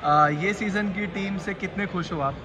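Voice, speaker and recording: A man's voice: high-pitched, measured pace. Eager young male interviewer, heavy traffic. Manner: eager, mixes in English phrases. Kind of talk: fan-style interview questions. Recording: outdoor interview with loud traffic noise.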